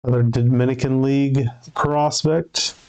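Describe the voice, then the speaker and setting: A man's voice: mid-range voice, steady tone, moderate pace, darkish tone, low-quality recording. A man hosting a sports card break, reading out player names and serial numbers and correcting himself as he goes. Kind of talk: live card break commentary.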